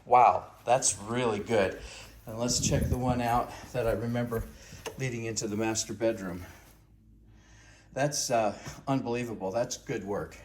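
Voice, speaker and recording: Slow-talking man in an echoey house. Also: medium pitch. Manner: slow, halting, plenty of pauses. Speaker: landlord. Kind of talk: walkthrough video narration. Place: empty house interior. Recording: roomy echo with faint noise.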